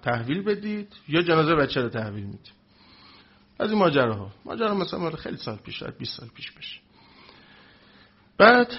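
A man telling a religious anecdote to a live audience, animated and acting out the people in his story. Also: on the high side, muffled recording.

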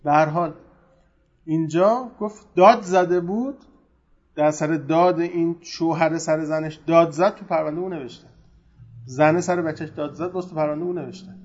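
Male religious lecturer, slightly high, casual but emphatic delivery, muffled recording. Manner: conversational, emphatic, swings loud and soft. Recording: dull lo-fi recording.

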